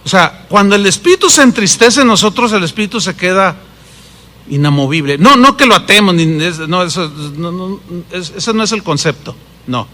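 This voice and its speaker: High, bright-voiced Mexican preacher. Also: male voice, moderate pace, big-room sound. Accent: Mexican Spanish. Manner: animated preaching, dramatic shifts between loud and hushed. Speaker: pastor. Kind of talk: sermon.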